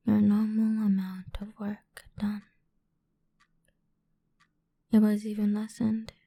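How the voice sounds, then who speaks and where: A woman roleplays a domineering, cruel boss tormenting an employee for ASMR, talking in a dark, mid-range voice with no echo. Her condescending delivery is deliberate and drawn out, frequently sinking into breathy whispers right against a dry, close microphone.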